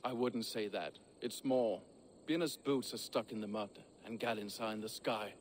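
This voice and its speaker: An actor playing a proud, blunt Viking shipbuilder in a video game, with a gruff, plain-spoken manner. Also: male voice, fairly low pitch, normal speed, slight background noise, close to an everyday voice. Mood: candid.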